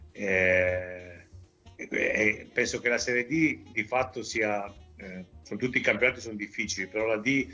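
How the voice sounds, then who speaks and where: A man in his fifties from Veneto, a football coach answering interview questions in a measured way, with frequent hesitations and restarts. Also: lowish voice, a bit bright, slightly rough, dull audio. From Veneto, Italy. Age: 50s.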